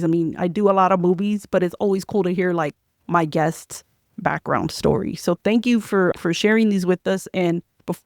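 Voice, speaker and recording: A woman's voice: mid-range voice, dry recording, clean studio sound. A woman hosting a podcast, chatting in an upbeat, enthusiastic way with her guest. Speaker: podcast host. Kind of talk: casual interview chat.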